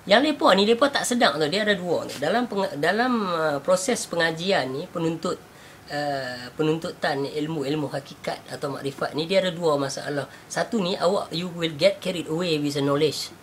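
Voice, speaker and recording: A man's slightly high voice moves at a moderate pace as he recounts a teaching tale in casual conversation, with a Northern Malaysian Malay accent. He brings the story's people to life with their own voices and laughs readily. A faint background noise runs under him.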